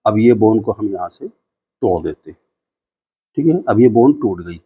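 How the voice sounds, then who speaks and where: A male nursing teacher giving a lecture, explaining in Hindi, reading English definitions slowly, and asking and answering his own questions. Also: lowish voice, expressive, dark tone, slightly rough, muffled recording. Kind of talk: classroom lecture.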